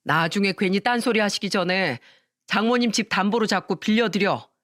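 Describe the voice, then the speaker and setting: A woman's voice: mid-range voice, moderate pace, fairly bright tone, dry recording, clean studio sound, close to an everyday voice. A woman voicing a stingy, money-obsessed middle-aged husband who talks in a curt, dismissive way. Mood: scornful.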